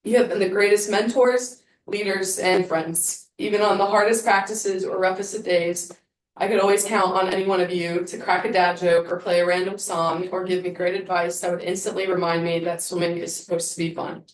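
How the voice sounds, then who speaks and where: A woman's voice: fairly low pitch, flat delivery, normal speed. Emotional young woman giving farewell speech. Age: 20s. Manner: heartfelt, fighting back tears. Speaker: team captain giving a senior speech. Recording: roomy, from a distance.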